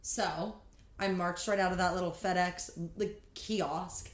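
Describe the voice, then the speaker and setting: A woman's voice: fairly low pitch, steady tone, unhurried. An American woman podcast host telling comedic stories casually, with a sassy, theatrical drag-queen-style flair. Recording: roomy echo, faint background noise.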